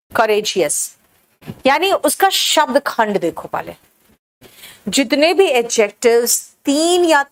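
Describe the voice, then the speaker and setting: A woman teaching an online grammar lesson, patiently drawing out her examples and calling her students "beta". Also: a little high. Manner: patient, drawn-out explaining, calls students "beta".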